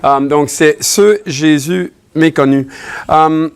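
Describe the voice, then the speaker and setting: A man whose first language is English delivers a sermon in a church in a fairly high voice. He talks casually, with jokes, fillers and restarts. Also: smooth. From Ontario, Canada. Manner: casual, joking, halting with many fillers. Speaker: preacher.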